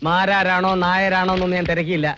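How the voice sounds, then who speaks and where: A blustering fake cop. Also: male voice, high-pitched, level tone, quick pace, pushed and bright, slight background noise. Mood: grumbling. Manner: blustering, mixes English into speech. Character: bumbling man posing as a pompous police officer. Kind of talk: film acting. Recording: dull lo-fi film audio.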